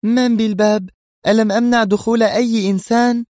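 A man putting on a shrill furious villainess. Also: steady tone, brisk, darkish tone, dry recording, clean studio sound, lightly acted. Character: angry scheming female villain.

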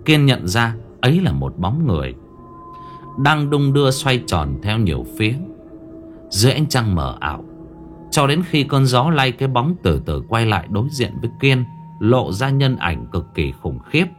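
A man's voice: medium pitch, sing-song, moderate pace. A man narrating a horror story with dramatic expression. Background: faint music.

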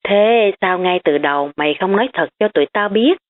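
A woman voicing a quiet, reproachful young female student, on tinny phone-like audio. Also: medium pitch, lively intonation, fairly quick, lightly acted.

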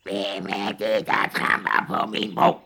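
A man growling as a gravelly slow troll. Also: lowish voice, level tone, pushed and bright, exaggerated voice. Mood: menacing. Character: big bridge troll, menacing and gruff. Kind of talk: children's fairy tale reading.

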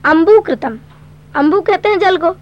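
A woman teaching a Sanskrit grammar lesson, explaining patiently step by step and reciting verse slowly. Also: very high-pitched. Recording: dull lo-fi recording.

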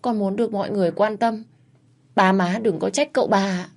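A woman's voice: mid-range voice, fairly even intonation, brisk, a little mellow, pitched above the performer's own voice, lightly acted. A woman voicing a weak young wife who has just woken, speaking in a faint, feeble voice in a spoken story. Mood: weak, apologetic. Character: weak young wife after a suicide attempt.

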